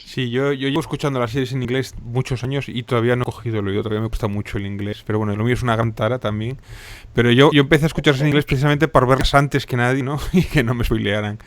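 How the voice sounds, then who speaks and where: A man from Spain, co-hosting a casual chat in a quick, self-deprecating way. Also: medium pitch, steady tone, no echo.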